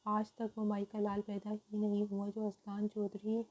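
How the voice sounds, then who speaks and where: A woman's voice: mid-range voice, completely flat delivery, darkish tone, muffled recording, natural voice. A woman reading as a harsh threatening young lord. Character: cruel domineering young man, feudal lord.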